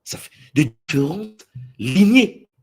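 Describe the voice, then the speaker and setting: Brief: husky male spiritual teacher, lively swooping delivery, mimics others' voices in asides. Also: slow pace. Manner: swings from booming exclamations to low intimate asides. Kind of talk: impassioned spiritual address to followers.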